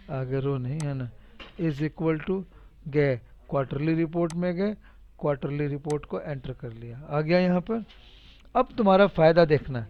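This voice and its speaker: This computer teacher has a clean, highish voice and gives a relaxed live spreadsheet tutorial, narrating each step with chatter, repetition, gentle teasing and encouragement. The recording quality is dull and lo-fi.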